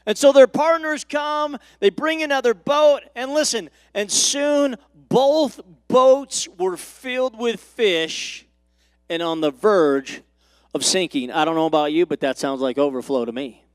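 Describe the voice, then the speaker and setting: A man's voice: sits high, a little slow, clear, resonant tone, no echo, clean studio sound, faint music behind. A male pastor preaching a sermon to his congregation, with rising and falling emphasis and questions to the room. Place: church.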